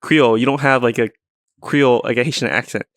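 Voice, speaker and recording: A man's voice: mid-range voice, steady tone, quick pace, fairly bright tone, dry recording, clean studio sound. Teasing, slangy young man. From Vietnamese-American. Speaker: podcast co-host. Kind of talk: casual chat.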